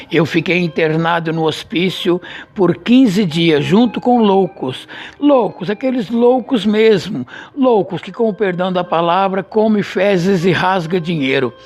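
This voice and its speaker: A man giving an emotional religious testimony, telling his story slowly and dramatically with many repeated phrases. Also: sits high, a little mellow, soft background music. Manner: slow, repetitive, dramatic storytelling. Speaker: church member giving testimony.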